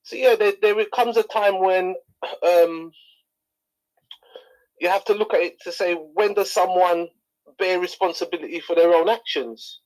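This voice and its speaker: A man's voice: sits high, measured pace, long pauses, a little mellow, low-quality recording. A man debating casually on a talk show, circling his points hesitantly and checking for agreement.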